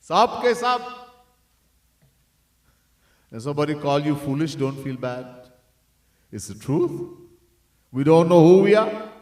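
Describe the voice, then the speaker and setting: A man with a fairly high but darkish voice speaks slowly with long pauses and lively intonation, teaching as a swami in a devotional discourse. He earnestly restates his key points and now and then chants verses in song, in an echoey temple hall recorded from afar.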